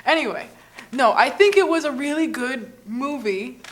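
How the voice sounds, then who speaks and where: A woman's voice: high voice, animated, normal speed. A young woman co-hosting a casual chat, talking freely with lots of filler words. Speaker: co-host.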